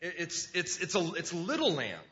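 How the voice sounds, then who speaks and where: A man's voice: a little high, wildly swooping pitch, moderate pace, pushed and bright, lo-fi sound. A man preaching a sermon in an earnest, conversational way, reading scripture aloud and often restarting his words.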